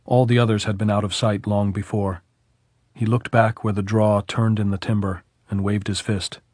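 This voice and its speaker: A man narrating an audiobook in a measured, even way. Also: fairly low pitch, dry recording, clean studio sound. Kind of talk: scripted narration.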